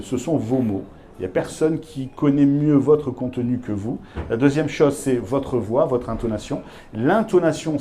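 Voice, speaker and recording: A man's voice: mid-range voice, mellow. A man giving a live masterclass to business leaders on a handheld microphone, emphatic and repetitive, speaking straight to his audience. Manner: emphatic teacher, repeats key words, addresses audience directly.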